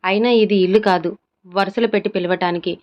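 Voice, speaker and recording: A woman's voice: medium pitch, fairly even intonation, brisk, muffled recording, natural voice. A woman doing a stern irritable young CEO. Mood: curt. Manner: curt and serious.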